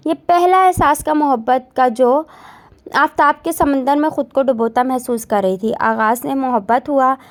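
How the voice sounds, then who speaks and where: Brief: high-pitched female storyteller, measured dramatic reading. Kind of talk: emotional story narration.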